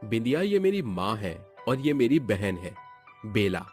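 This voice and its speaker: A man's voice: lowish voice, sing-song, unhurried, husky, soft background music, full character voice. A man playing a nervous young husband who hesitates and stammers. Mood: timid.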